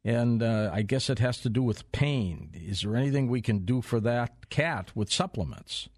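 A man's voice: mid-range voice, expressive, normal speed, darkish tone, no room sound. Chatty male radio host in studio. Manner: casual, chatty questions. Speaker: radio talk show host. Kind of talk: radio call-in talk.

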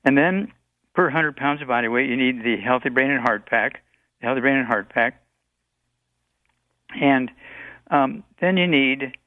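A man in his eighties giving rambling, halting health advice on a call-in radio show, with many fillers. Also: medium pitch, no room sound, narrow, tinny audio. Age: 80s.

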